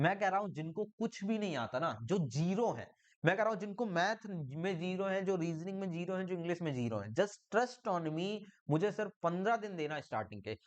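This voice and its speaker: A man with a Hindi accent teaching an English grammar lesson, encouraging students and often checking that they follow. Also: sits high. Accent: Indian Hindi. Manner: encouraging, repeats "बहुत बढ़िया" and "ठीक है?" often; lively, sing-song teacher delivery.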